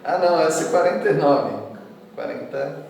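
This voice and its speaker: Brazilian pastor preaching in an echoing church hall. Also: male voice, fairly high pitch, animated, normal speed, a little mellow, slight background noise. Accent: Brazilian Portuguese. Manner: conversational, asks the congregation tag questions; reads scripture verses aloud with rising emphasis. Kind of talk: expository sermon. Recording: echoey church hall from far off.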